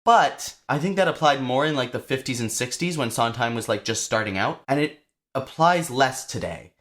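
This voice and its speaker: A young adult man explaining songwriting to viewers in a chatty, lively way, with casual asides. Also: mid-range voice, normal speed. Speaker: songwriting teacher.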